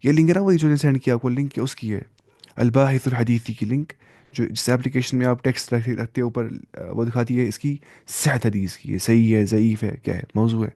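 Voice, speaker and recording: A man's voice: medium pitch, fairly even intonation, dark tone, no room sound, clean studio sound. A man teaching a Quran tajweed lesson. He mixes English terms into his explanations and asks and answers his own questions.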